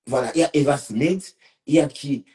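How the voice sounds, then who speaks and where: A man's voice: medium pitch, fairly quick, mellow. A man a bit tipsy, rambling casually on a live stream and talking to commenters by name. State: slightly tipsy.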